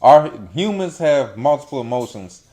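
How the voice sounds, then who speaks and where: A man in his late twenties co-hosting a vlog, giving relaxed, casual advice and acting out quoted remarks. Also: fairly high pitch, normal speed. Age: 20s. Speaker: vlog co-host.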